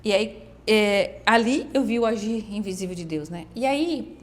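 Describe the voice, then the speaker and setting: A woman telling a personal faith story in casual conversation, animated and often acting out what others said. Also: mid-range voice, unhurried. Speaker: guest. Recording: faint background noise.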